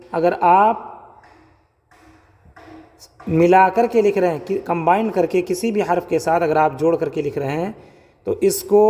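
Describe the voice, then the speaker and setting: A man teaching how to write Urdu letters step by step, spelling out and repeating each letter sound slowly. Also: high voice, a little mellow. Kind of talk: step-by-step writing lesson. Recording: long hall reverb.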